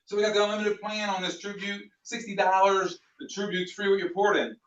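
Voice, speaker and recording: Male sales trainer, fairly high voice, roomy and distant, dull recording. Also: brisk. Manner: animated, plays out customer dialogues. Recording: echoey room, distant mic, dull sound.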